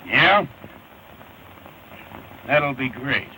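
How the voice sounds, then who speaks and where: Western teamster, very bright forceful voice, American accent, blunt, plain-spoken, old talkie hiss. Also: male voice, mid-range voice, animated, very slow, exaggerated voice. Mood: sullen. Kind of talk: early 1930s talkie western film acting. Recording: noisy 1930s film soundtrack.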